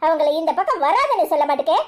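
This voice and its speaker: A quarrelsome young wife from a cartoon serial, voiced by a woman. She scolds and threatens in a Kanyakumari Tamil accent, her voice pitched extremely high and thin. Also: sing-song, quick pace. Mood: resentful. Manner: scolding, combative. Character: sharp-tongued young wife fighting her co-daughter-in-law.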